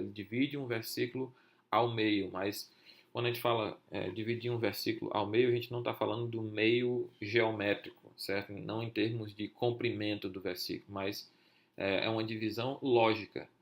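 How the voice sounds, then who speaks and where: A man teaching a lesson for a podcast, explaining step by step with many filler sounds and checking "certo?" with listeners, in Brazilian Portuguese. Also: lowish voice. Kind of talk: explaining Hebrew accents over a text.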